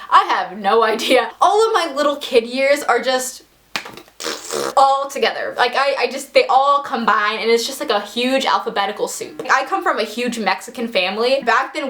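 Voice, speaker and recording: A woman's voice: a little high, a bit bright. A young woman telling personal stories in a casual storytime vlog, chatty and self-deprecating, with lots of "like" fillers. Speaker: vlogger.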